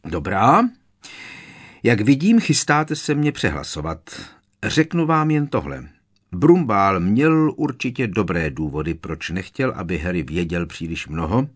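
A man reading aloud, voicing a protective, anxious mother who scolds and pleads in a raised, shrill voice. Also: sing-song. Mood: bitter. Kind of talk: audiobook character voice.

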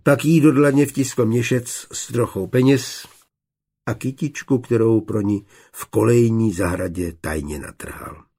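Gravelly male audiobook narrator. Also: medium pitch, dark tone.

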